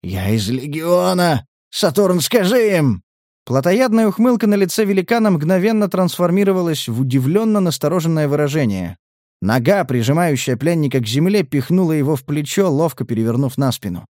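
A man's voice: on the high side, lively intonation, fairly quick, a little mellow, dry recording. Man reading an audiobook, dry close sound. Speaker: audiobook narrator. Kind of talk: scripted narration.

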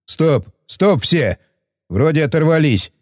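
A man voicing a male squad leader who shouts short commands. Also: a little high, animated, takes it slowly, no echo, clean studio sound. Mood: commanding.

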